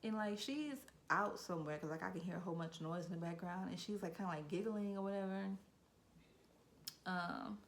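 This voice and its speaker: A woman's voice: on the low side, fairly quick, slight background noise. A young adult woman vlogger telling a casual storytime, chatty and filler-heavy, with a frequent "like".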